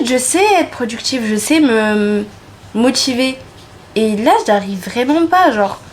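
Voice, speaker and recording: A young woman from France, eighteen, chatting casually to her viewers at home in an animated, self-mocking way. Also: fairly high pitch, slight background noise. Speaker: vlogger. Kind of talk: casual vlog chat to camera. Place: home, indoors. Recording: music playing clearly behind.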